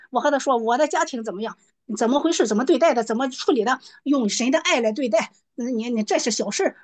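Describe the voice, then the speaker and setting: A woman giving a spoken church testimony, retelling conversations and repeating phrases of praise. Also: sits high.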